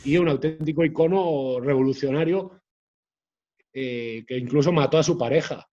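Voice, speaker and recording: A man, a guest author talking in an interview in a measured way, often restarting his phrases. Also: a little high, mellow, dull audio. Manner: measured, hesitant with frequent restarts. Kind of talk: conversational interview.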